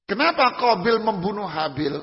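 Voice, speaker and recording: High, gravelly male preacher in a hall. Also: very animated, normal speed. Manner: asks the audience questions and answers them himself; uses everyday examples in casual speech. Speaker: Islamic preacher. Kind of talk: conversational religious lecture. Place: lecture hall. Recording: dull lo-fi recording in a reverberant hall.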